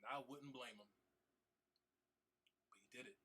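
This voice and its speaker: Emotional male streamer, bright voice. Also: mid-range voice, unhurried, slightly rough. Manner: emotional, repetitive, trying not to cry; casual slang, swearing. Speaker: game streamer. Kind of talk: heartfelt talk to stream viewers.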